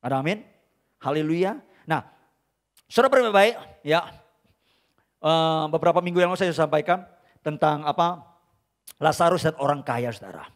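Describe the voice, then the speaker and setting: Animated, high-voiced preaching man. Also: moderate pace, long pauses. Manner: emphatic, swings between loud bursts and quiet asides; addresses the congregation again and again as brothers and sisters. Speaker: pastor. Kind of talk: sermon. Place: church service.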